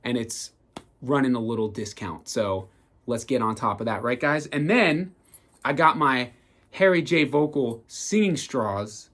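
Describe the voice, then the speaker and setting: A man's voice: medium pitch, measured pace. A man who is a vocal coach, giving an enthusiastic, casual reaction commentary full of "like" fillers. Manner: enthusiastic, lively, frequent "like" fillers, bursts of singing demonstrations.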